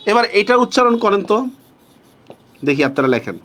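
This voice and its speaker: Male tutor, fairly high and very animated, drills rules slowly and keeps asking the class questions. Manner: asks students frequent check-questions; stretches words slowly when stressing rules. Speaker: teacher. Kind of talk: online class lecture.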